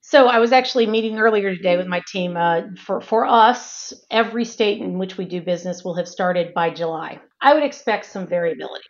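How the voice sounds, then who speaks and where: Brief: woman exec guest, gravelly voice, dull remote audio, measured and restarting. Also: medium pitch. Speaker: healthcare executive guest. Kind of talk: interview answers.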